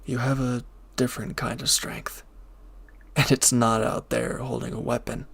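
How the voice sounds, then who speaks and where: This man plays a former villain turned devoted lover for an intimate audio drama, his delivery soft, breathy, gentle and halting. Pitched in the middle with a level tone and normal speed, he comes across as earnest yet guarded.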